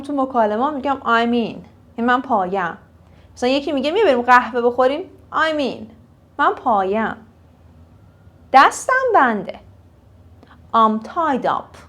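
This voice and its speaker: A young woman teaching English phrases in a casual lesson, repeating each phrase slowly for learners. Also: fairly high pitch, fairly bright tone.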